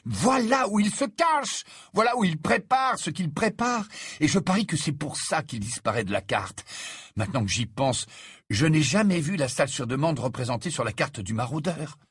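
A man's voice: mid-range voice, lively intonation, brisk, slightly rough, no room sound, studio quality. A man voicing an eager, urgent teenage boy wizard. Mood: excited. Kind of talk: audiobook character voice.

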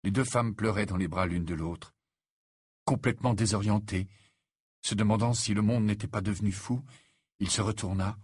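A man narrating an audiobook with an expressive storytelling delivery. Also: fairly low pitch, moderate pace, pauses often, breathy edge, no room sound, clean studio sound. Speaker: audiobook reader.

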